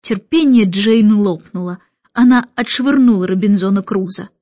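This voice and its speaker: A woman narrating a children's storybook in a lively, expressive way. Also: mid-range voice, moderate pace, dry recording, lo-fi sound. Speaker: audiobook reader.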